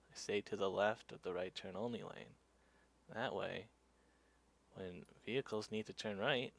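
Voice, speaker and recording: A man's voice: on the low side, creaky. A man narrating his own cycling footage in a loose, conversational way, with lots of fillers. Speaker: cyclist vlogger. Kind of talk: casual storytelling narration.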